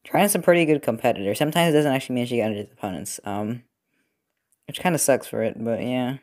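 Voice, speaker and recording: A young man talks casually in a mid-pitched voice while he works. He rambles, with many fillers and restarts. His pitch sits neither high nor low. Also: fast talker, darkish tone. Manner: rambling, filler-heavy, self-correcting. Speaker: robot-building video creator. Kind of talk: casual commentary while working. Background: TV football game.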